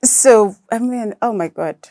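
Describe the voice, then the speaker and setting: A woman's voice: a little high, measured pace, mellow, no echo. Woman interviewer, dry close sound. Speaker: interview host. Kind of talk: casual chat.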